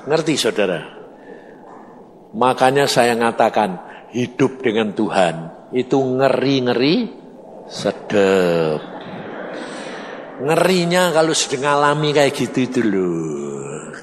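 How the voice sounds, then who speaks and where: A man in his seventies with a Javanese accent preaching a storytelling sermon, dropping to low asides and then rising to shouted declarations. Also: very animated, slow, long pauses, in a large hall, noisy background. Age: 70s.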